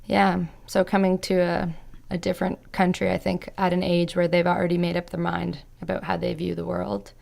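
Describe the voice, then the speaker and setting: A young Canadian woman of Serbo-Croatian background, a guest on a podcast, chats casually in an interview. Her low, gravelly voice carries lots of fry and stays flat in pitch for long stretches at a normal speed. She sounds reflective and leans heavily on "like" and "you know."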